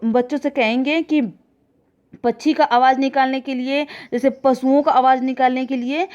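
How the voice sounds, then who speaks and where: High-voiced woman reading exam questions. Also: a little mellow, lo-fi sound. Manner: reads each question twice, then explains with examples; addresses viewers as friends. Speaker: exam-prep teacher.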